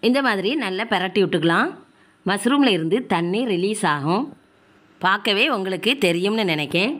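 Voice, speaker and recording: A home cook and cooking show host with a southern Tamil Nadu accent talks through recipe steps in a plain, colloquial, instructional way. Her voice is medium-pitched and fairly bright, at a moderate pace.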